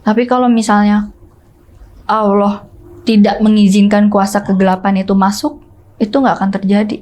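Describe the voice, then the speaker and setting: A woman appears as a guest storyteller in a casual conversation, recounting a personal ordeal earnestly and emotionally, with frequent fillers and restarts. Her voice is medium-pitched and dark in tone, with a flat delivery at a moderate pace.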